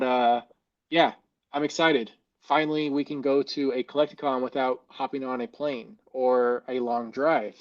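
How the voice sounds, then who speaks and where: A man's voice: medium pitch, a little mellow. A man chats loosely and rambles, leaning on "like" as he goes. His voice has a hollow fishbowl sound. It comes through a dull, muffled phone recording with a mic plugged into the handset. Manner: rambling, loose, heavy on "like" fillers. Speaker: co-host. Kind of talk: casual chat. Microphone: external mic plugged into a phone.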